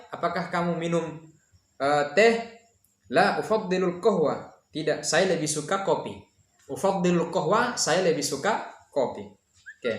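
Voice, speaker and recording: Male Arabic tutor, slightly high voice, reads slowly then explains, roomy echo. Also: fairly bright tone. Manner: reads Arabic lines slowly and clearly, explains in Indonesian with fillers. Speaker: Arabic teacher. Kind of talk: online Arabic lesson, reading dialogues and translating.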